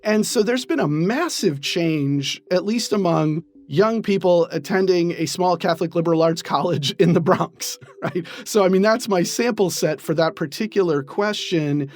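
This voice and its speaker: A man, a professor, explaining ideas in an interview with lively, laughing asides. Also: sits high, moderate pace, hardly any pauses. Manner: animated, laughs while explaining. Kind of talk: interview answers.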